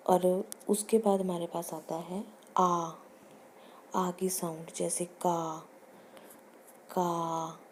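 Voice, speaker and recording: A woman teacher giving a recorded lecture on pronunciation, reading lines slowly and explaining them in Hindi. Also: fairly low pitch, little pitch movement, a little mellow, a little hiss or hum. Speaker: teacher educator.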